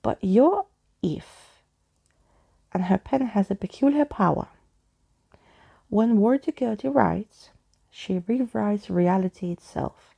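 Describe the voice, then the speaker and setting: A pompous old skeleton from a children's storybook, played by a woman. He speaks in grand, wordy flourishes with a theatrical air. The voice is mellow and gravelly at the edges. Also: mid-range voice, lively intonation, slow pace, pauses often, muffled recording, full character voice. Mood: grand, explaining. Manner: grandiose, alliterative, theatrical speech.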